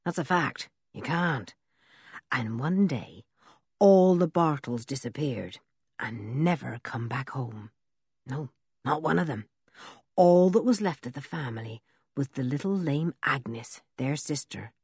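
A woman voicing an old male village blacksmith who tells a story slowly and in a rustic way, with a husky voice. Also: rumbling low, lively intonation, a little mellow, no echo, studio quality, exaggerated voice. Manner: slow, drawn-out, rustic storytelling. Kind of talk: audiobook character reading.

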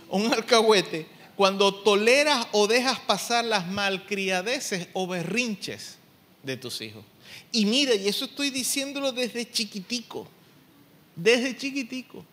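A middle-aged pastor delivers a sermon in a high, bright voice. He is emphatic and blunt, dropping wry jokes as he goes. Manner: emphatic, blunt, joking asides.

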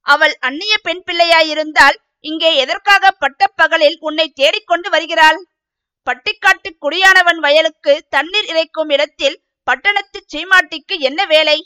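A sharp-tongued young village woman flares up in jealous taunts, as a woman reads her out in a storybook. The voice is high and bright, the scolding quick and biting.

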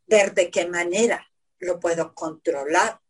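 A woman psychotherapist, explaining calmly step by step in an interview, often asking herself questions. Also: on the low side, a little slow, slightly rough, rough recording. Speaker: psychotherapist guest.

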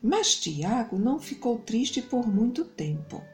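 A Brazilian woman speaking as a kids show host, telling stories to small children in an animated, sing-song way. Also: a little high, takes it slowly, faint music behind.

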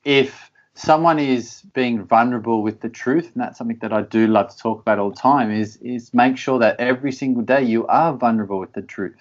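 A man's voice: medium pitch, a little fast, hardly any pauses, muffled recording. A man speaking candidly in an interview, earnest, often repeating words to stress a point. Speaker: podcast guest.

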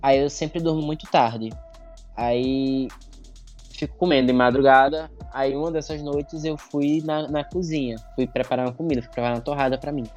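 A man's voice: mid-range voice, steady tone, moderate pace, a little mellow. This man tells his story in a loose, rambling way, full of fillers and laughs. His voice sounds a little dull and lo-fi, with faint music under it. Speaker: guest storyteller. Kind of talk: casual storytelling on a podcast.

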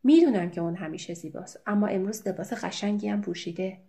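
A cheeky, tipsy young village man, as a woman reader puts him on speaks in loud, bantering bursts, with a mellow, soft-edged tone. He jokes freely and keeps a colloquial swagger throughout this audiobook scene. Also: medium pitch, gravelly, close to an everyday voice. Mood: teasing.

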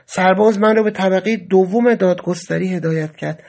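A man with a notably high-pitched voice tells a dramatic first-person story. His telling is vivid and emotional, swelling into agitated outbursts whenever he quotes what he said. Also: vocal fry, darkish tone.

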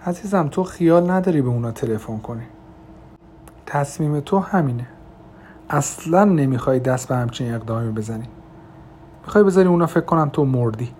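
A man voicing a calm, confident woman friend who talks gently and reassuringly in an audiobook. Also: medium pitch, long pauses, a little hiss or hum, lightly acted.

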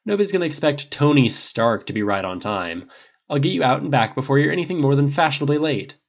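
A man voicing a pushy, smooth-talking male agent who keeps pressing, in an insistent, wheedling manner, on a dull lo-fi recording. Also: medium pitch, expressive, fast, voice pushed up.

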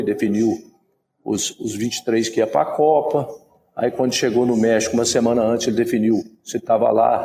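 A Brazilian man in his sixties, a former footballer, telling stories in an interview with lively, repetitive phrasing. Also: medium pitch, slight background noise. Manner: lively storyteller who acts out quoted dialogue and repeats words. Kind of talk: storytelling in an interview.

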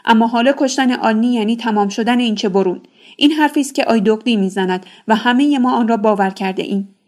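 A woman's voice: fairly high pitch, close to an everyday voice. A woman reading a novel aloud, voicing a stern father who scolds his daughter. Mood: scolding. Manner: shouting, scolding. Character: stern middle-aged father, the tribe's elder.

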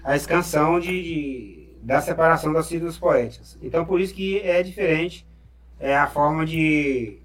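Halting man explaining verse forms. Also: on the high side. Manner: halting, explains patiently with many restarts. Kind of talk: casual explanatory chat.

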